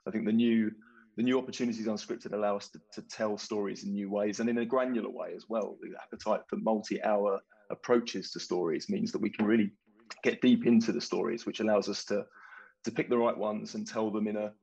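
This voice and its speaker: A man talks fast on a festival panel in a low, gravelly, husky voice. He is measured but stammers at the start of sentences. The sound is muffled and lo-fi. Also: steady tone, a little mellow. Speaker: production company executive, panelist. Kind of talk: panel discussion.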